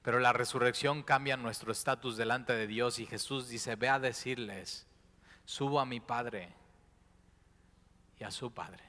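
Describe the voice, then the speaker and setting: Male pastor, bright tone, hushed-to-fervent sermon delivery, big reverberant hall. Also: mid-range voice, measured pace. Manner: swings between hushed and loud impassioned preaching.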